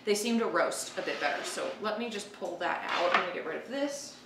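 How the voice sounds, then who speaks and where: Expressive and fairly quick, with vocal fry in her low-ish voice, a woman in her thirties hosts an informal cooking demo at home, thinking aloud as she works. Heavy background noise fills the roomy, distant recording, with chopping, clicks and pans loudly clattering.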